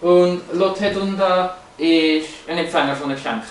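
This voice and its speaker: A man's voice: fairly high pitch, moderate pace. A man explaining language features from slides, hesitant, with many fillers and restarts. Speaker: presenter. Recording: roomy, echoey, from a distance.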